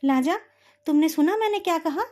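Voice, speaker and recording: A woman's voice: very high voice, brisk, darkish tone. A woman voicing an impulsive young male cultivator in a storybook retelling, pleading and emotional. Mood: earnest.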